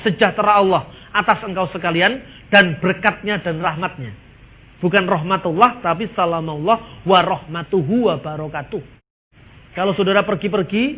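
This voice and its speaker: High-voiced Indonesian man speaking, tinny. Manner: lively, quotes others in shifting voices, chuckles. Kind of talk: lecture-style talk to an audience. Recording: tinny phone-like sound.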